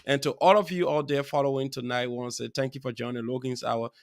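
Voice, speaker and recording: A man hosting a live talk show, rambling through chatty shout-outs to viewers with frequent chuckles. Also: mid-range voice, little pitch movement, quick pace, no room sound, studio quality. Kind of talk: casual live-show chat. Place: studio.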